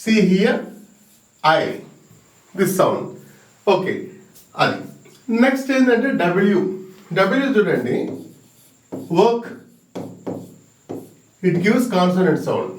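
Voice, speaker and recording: A man teaching an exam-prep English grammar lesson, slow and emphatic, repeating key words and sounding out letters. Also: high voice, huge pitch swings. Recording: roomy echo, mic at a distance.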